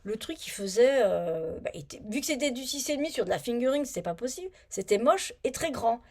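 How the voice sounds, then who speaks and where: A chatty woman talking through her knitting projects in a relaxed vlog, her voice sitting a little high. She rambles, mutters to herself while searching for her things, and grumbles when something annoys her. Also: fairly quick. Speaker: knitting vlogger. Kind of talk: casual knitting vlog chat.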